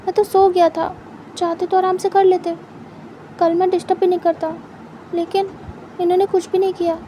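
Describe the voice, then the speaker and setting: A woman's voice: very high-pitched, level tone, normal speed, mellow, a little hiss or hum. A woman voicing a young man in a spoken story, an anxious lover who pleads and stammers. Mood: worried.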